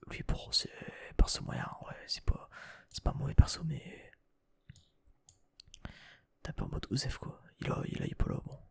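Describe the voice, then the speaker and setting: A man's voice: moderate pace, long pauses, fairly bright tone. A young man whispering casual ASMR chat, hesitant and thinking aloud with many restarts and casual swearing.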